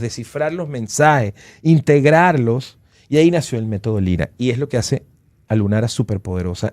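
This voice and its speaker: A man in his forties hosts a casual podcast interview, speaking effusively and with enthusiasm. His voice is mid-range with a dark tone, and the recording is dry.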